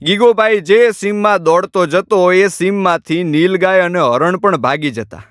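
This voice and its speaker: A man narrating an audiobook in an expressive, dramatic storytelling manner. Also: high-pitched, moderate pace, dry recording.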